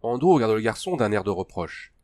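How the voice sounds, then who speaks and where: A man narrates a novel for an audiobook. His voice sits low and he reads in an even, unhurried way. The recording is close and dry, with no room sound. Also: no room sound.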